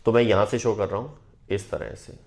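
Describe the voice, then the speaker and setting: A man's voice: fairly low pitch, steady tone, brisk, a little mellow. A man teaching a math lesson at a board, often stopping to check that students follow. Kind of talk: whiteboard lesson.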